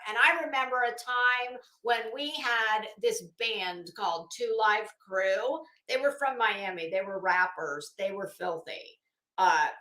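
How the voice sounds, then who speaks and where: In an echoey room, a middle-aged livestream host delivers casual commentary that is loud-mouthed, opinionated and full of swearing and dramatic stress. Her voice is fairly high, pushed and bright.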